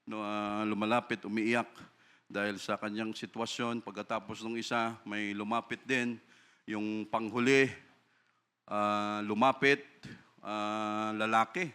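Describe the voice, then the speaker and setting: Male pastor from the Philippines, bright and crisp voice, animated sermon testimony rising into fervent prayer. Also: fairly low pitch, a little slow. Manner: storytelling with frequent tag questions.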